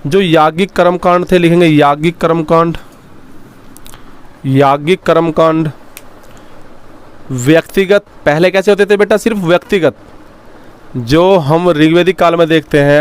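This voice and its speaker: A man's smooth, clear voice, pitched a little higher than most men's, teaching a history class. He dictates notes in short phrases and repeats each one patiently so his students can write it down, often checking in with them as he goes. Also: fairly quick. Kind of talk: dictation-style classroom lecture.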